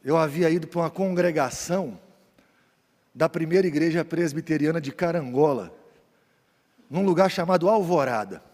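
A man, a pastor telling stories in a sermon, moving between loud preaching and quiet asides. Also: a little high, normal speed, pauses often, in a large hall. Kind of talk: storytelling sermon.

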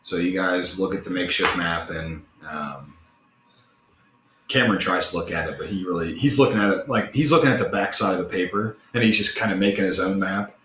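Low-voiced man running a tabletop game. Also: a little fast, a bit bright. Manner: loose, rambling, full of fillers. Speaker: game master. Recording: echoey room with faint noise.

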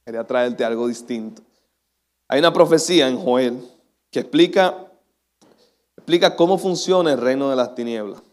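A man's voice: mid-range voice, moderate pace, pauses often. A young man preaching a sermon as a pastor, chatty and self-deprecating, laughing often.

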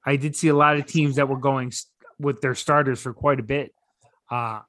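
A man co-hosting a casual sports podcast, relaxed and rambling with lots of fillers and restarts. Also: medium pitch, moderate pace, crowd noise. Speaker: podcast co-host.

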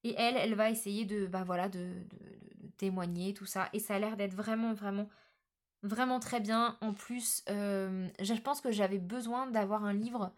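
A woman's voice: mid-range voice, steady tone, moderate pace. A woman talking casually in a book vlog, often hesitating with filler sounds and restarts. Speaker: book vlogger.

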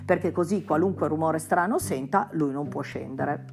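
A woman teacher reading a translated text aloud and explaining it in a lively way, often checking in with her listeners with a quick question. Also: low voice. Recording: clear music playing behind the voice.

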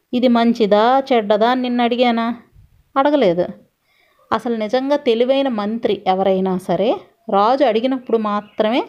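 A woman's voice: fairly high pitch, a little mellow, lightly acted. A woman voicing an arrogant male demon king who scolds and threatens in a storytelling reading. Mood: scolding. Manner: domineering, scolding. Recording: dull lo-fi recording.

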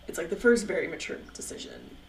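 Young woman, low voice, casual story recap, acts out quotes, faint background hiss. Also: quick pace, gravelly, poor audio. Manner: animated retelling, acting out quotes.

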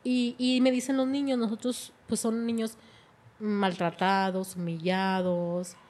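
A woman's voice: mid-range voice, level tone, a little slow, darkish tone. A middle-aged woman, telling her life story in an emotional way and often repeating her words. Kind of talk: personal testimony.

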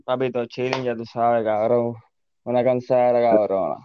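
A 22-year-old Puerto Rican man with a Puerto Rican accent chats loosely as a podcast guest, his medium-pitched voice fairly flat in pitch and at normal speed. He's laid-back and slangy and swears constantly in this casual chat. The recording is muffled, with background noise.

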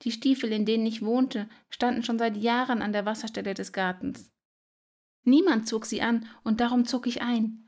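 A woman voicing a proud little female spider who pleads in a high, earnest voice in a children's audio story. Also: steady tone, moderate pace, darkish tone, natural voice. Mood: pleading.

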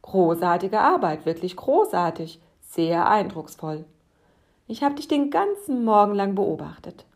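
A woman voicing a cheerful, mischievous old male monk with a gap-toothed grin, who speaks gently and with praise. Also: mid-range voice, big pitch swings, a little slow. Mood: praising. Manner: gentle, praising, warmly teasing.

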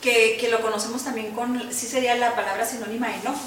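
A woman's voice: fairly high pitch, fairly even intonation, fast talker, a bit bright, slight background noise. Woman host, strongly echoey room. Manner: chatty, agreeing, asks follow-up questions. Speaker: interviewer host. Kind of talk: conversational interview. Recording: very echoey room, distant mic.

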